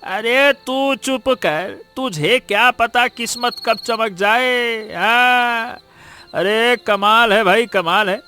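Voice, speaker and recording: A man's voice: very high-pitched, takes it slowly, bright, forceful tone, soft background music, exaggerated voice. A man playing a greedy, blustering village schemer. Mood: dismissive. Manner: blustering, stammers when caught out. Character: greedy boastful male villager, cowardly underneath. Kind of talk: cartoon voice acting.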